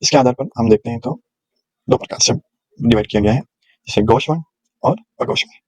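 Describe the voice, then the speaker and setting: A man's voice: medium pitch, fairly quick, darkish tone, rough recording. A male teacher giving a grammar lesson, explaining patiently and sounding out letters one at a time. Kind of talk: classroom lecture on grammar.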